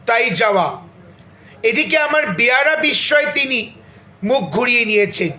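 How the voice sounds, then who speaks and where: Male essayist-narrator, high bright voice, measured bookish delivery, roomy echo. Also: lively intonation. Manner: measured, bookish storytelling with asides to the listener. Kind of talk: reflective literary narration.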